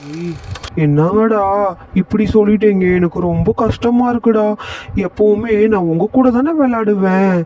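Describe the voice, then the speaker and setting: A high, whiny little boy puppet, played by a man, pleading and soft-hearted. His tone is mellow rather than bright, and the puppet-show recording sounds slightly dull and lo-fi. He talks like a child who is easily hurt. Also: normal speed, lightly acted. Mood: sad, pleading. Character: lonely sensitive young boy puppet.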